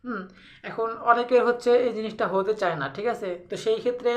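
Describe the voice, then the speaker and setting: A woman giving a casual spoken lesson on pronouncing Arabic letters, pausing often on fillers and repeating syllables slowly for practice. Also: on the high side, steady tone. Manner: hesitant, many fillers, repeats letter sounds for drilling. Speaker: Arabic letter pronunciation teacher.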